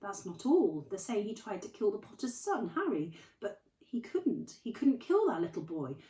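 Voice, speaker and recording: Stern, clipped older witch teacher, put on by a woman reading aloud, lifted high and lively, roomy recording. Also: lightly acted. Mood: distressed. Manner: brisk, clipped and impatient. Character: stern older female witch professor, anxious. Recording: echoey room, distant mic.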